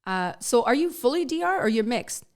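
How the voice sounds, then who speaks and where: A woman's voice: a little high, very animated, normal speed. A woman hosting a casual interview, upbeat and affirming as she asks her questions. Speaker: interview host.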